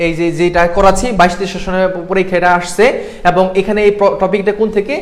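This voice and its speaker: A man's voice: high voice, little pitch movement. A young man from Bangladesh tutoring students in a live online class, asking them questions and checking in with them often. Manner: quick, keeps checking in with the class. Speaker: admission exam tutor.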